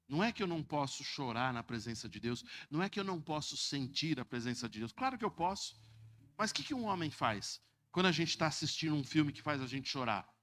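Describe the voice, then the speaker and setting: A man in his fifties with a Brazilian Portuguese accent, preaching a sermon as pastor, calling out "Amém?" and mimicking people in funny voices. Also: a little high. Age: 50s. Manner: lively preaching, mocking voices, repeated "Amém?".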